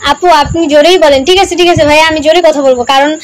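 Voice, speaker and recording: Loud high-voiced woman hosting a livestream. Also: fairly even intonation, fast talker, poor audio. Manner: loud, repetitive, urging viewers to share. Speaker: livestream host. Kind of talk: casual livestream chat, reading comments.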